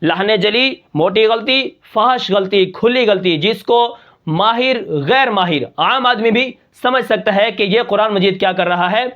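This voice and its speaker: A man teaching Quran recitation rules, asking and answering his own questions, reciting example words slowly and drawn out. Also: high-pitched, fairly bright tone, lo-fi sound. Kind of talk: tajweed lesson.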